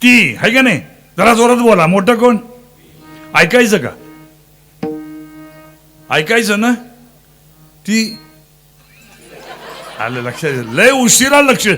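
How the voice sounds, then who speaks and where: A man's voice: high-pitched, sing-song, takes it slowly, pauses often, fairly bright tone, faint music behind. A man preaching a devotional kirtan, teasing and quizzing his listeners and breaking into sung verses. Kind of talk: Marathi devotional kirtan sermon.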